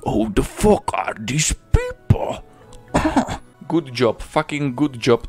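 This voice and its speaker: A man streaming a video game, commenting casually and crudely, swearing often and breaking into sudden high yelps. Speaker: gaming streamer. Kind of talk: casual let's-play commentary.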